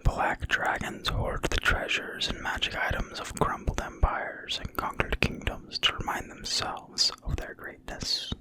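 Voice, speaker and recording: An ASMR video creator reads a fantasy game manual aloud in a quiet, breathy whisper. The delivery is slow, deliberate and soothing throughout.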